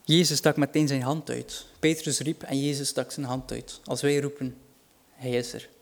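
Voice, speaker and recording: A man's voice: medium pitch, little pitch movement, moderate pace, vocal fry. Earnest man preaching a sermon. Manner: earnest, reassuring, rises in volume for dramatic quotes.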